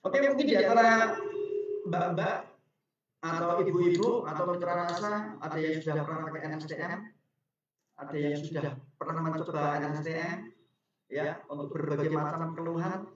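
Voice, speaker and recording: A man's voice: moderate pace, highs cut off, slight background noise. A man hosting a casual online product session, chatting and asking listeners for audio feedback, his voice carrying a heavy cavernous echo. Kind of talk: casual live-stream talk. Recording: booming echo, distant mic, loud music behind. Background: loud music.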